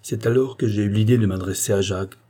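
A man's voice: lowish voice, steady tone, fast, warm tone, close to an everyday voice. A man reading a novel aloud, voicing a distressed young woman who pleads earnestly for her brother. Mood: anxious pleading.

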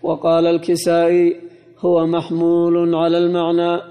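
A man reading a classical commentary aloud in a monotone, chanting recitation for a teacher. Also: a little high, moderate pace, in a large hall. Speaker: student reading the text aloud.

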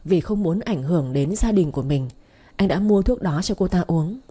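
A woman's voice: lowish voice, animated, normal speed, warm tone, slightly rough. A woman voicing an evasive, flustered husband who tries to placate his wife. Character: evasive cheating husband, man.

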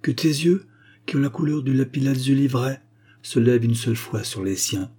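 A man's voice: mid-range voice, normal speed, mellow, husky, pitched above the performer's own voice, lightly acted. A man voicing an aging male scribe who pleads earnestly and reproachfully with the young man he raised. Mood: pleading.

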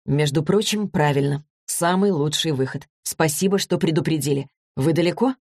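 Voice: medium pitch, darkish tone, no echo, clean studio sound, close to an everyday voice. A reader voicing an earnest, worried man. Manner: rapid-fire questions, earnest. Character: man, anxious and devoted.

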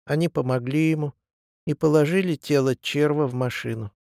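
Man, audiobook narration, even measured reading, gravelly, dry room. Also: fairly high pitch, no echo. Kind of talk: scripted narration.

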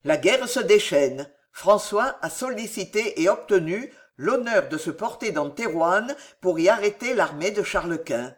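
A man reading aloud and voicing a passionate, desperate young nobleman with intense, forceful declamation. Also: high voice, animated, a little slow, hardly any pauses. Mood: grave.

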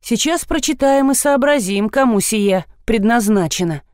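A woman's voice: a little high, lively intonation, moderate pace, a little mellow, no echo, clean studio sound, natural voice. A woman voicing an indignant middle-aged mother. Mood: brisk. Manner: exclaiming, indignant.

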